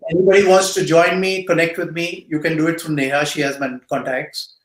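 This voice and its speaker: A man's voice: fairly high pitch, level tone, a little fast. Middle-aged Indian-accented man, echoey room. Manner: emphatic, repeats phrases for stress. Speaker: guest speaker, cancer patient support volunteer. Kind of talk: earnest interview answers and motivational advice to youth. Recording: roomy, echoing sound.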